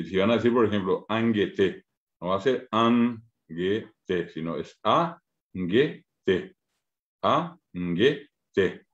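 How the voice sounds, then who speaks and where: A man's voice: lowish voice, a little mellow, highs cut off. Patient man teaching, syllable by syllable. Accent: Paraguayan Spanish. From Paraguay. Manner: patient, spells out syllables slowly. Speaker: Guarani language teacher. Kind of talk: online language lesson.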